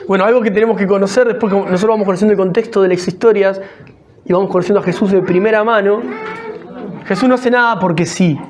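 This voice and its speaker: A man's voice: sits high, steady tone, quick pace. Pastor, man, chatty sermon delivery that builds up, restarts his phrases often. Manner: conversational preaching, rising to emphatic; frequent self-corrections and restarts.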